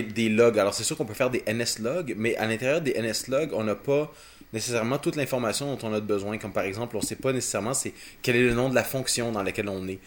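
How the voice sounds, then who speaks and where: A man with a Quebec French accent co-hosting a casual technical talk, explaining haltingly and often repeating words. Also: mid-range voice. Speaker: podcast co-host.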